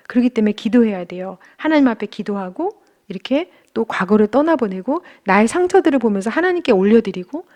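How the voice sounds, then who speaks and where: A woman giving a church marriage-class lecture, speaking gently and acting out kind example phrases for husbands. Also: a little high.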